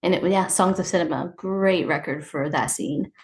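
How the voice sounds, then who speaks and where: A woman's voice: fairly low pitch, moderate pace, darkish tone. A woman hosting a podcast, recapping a show in casual chat and often tagging her sentences with "right?" and "you know". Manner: conversational, many fillers like "right?" and "you know". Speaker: podcast host.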